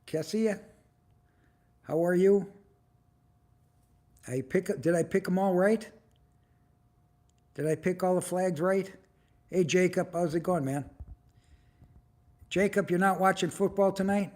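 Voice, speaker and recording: A man in his seventies hosting a casual livestream, chatting with viewers and firing off quick questions. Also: high voice, darkish tone. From United States. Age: 70s. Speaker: livestream host.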